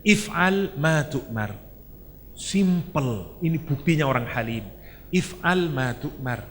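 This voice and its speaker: A man with an East Javanese accent preaching a sermon, telling the story in a lively way with Javanese and English asides. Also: a little high, takes it slowly, in a large hall, slight background noise.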